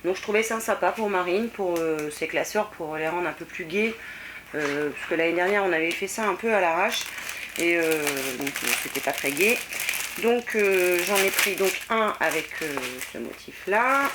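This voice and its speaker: Middle-aged woman, French accent, low-ish voice, hesitant chatty haul vlog, noisy home recording. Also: moderate pace. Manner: chatty, many hesitations and fillers. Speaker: vlogger. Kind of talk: casual haul video chat.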